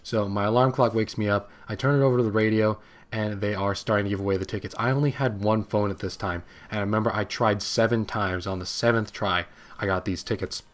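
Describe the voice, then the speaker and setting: A young man in his late teens, a gaming channel host, telling a long personal story over gameplay in a rambling, excitable way. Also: fairly low pitch, a little fast.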